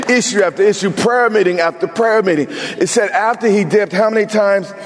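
A man's voice: sits high, fairly quick, long reverb tail. A male pastor preaching an emphatic sermon, talking straight to his congregation with humorous asides.

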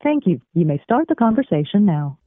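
A woman's recorded announcement for a collect call, heard over a phone line in formal, measured prompts. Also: fairly low pitch, sing-song, slight background noise. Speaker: automated collect-call operator message. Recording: tinny phone-line audio.

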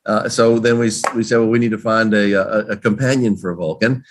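A man answering interview questions in a folksy, relaxed way, with many fillers and restarts. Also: on the low side, brisk, noisy background. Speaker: guest, games organizer.

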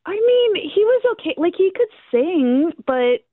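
A woman calling in to a radio show, talking in an animated, giggly rush. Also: very high-pitched, unhurried, dry recording. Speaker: caller. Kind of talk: phone call to a radio show. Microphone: telephone. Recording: tinny phone line.

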